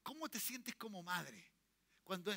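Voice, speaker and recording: High, bright-voiced Chilean pastor preaching. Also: male voice, very animated, unhurried, vocal fry. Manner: checks in with the congregation constantly; leads call-and-response, tells listeners to repeat. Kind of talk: sermon. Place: church.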